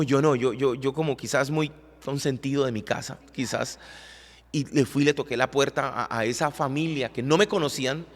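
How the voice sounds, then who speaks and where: A man's voice: mid-range voice, in a large hall. A man co-hosting a podcast, earnestly telling a personal faith story with emotion, often repeating and restarting words. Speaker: podcast co-host, worship leader. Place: recording studio.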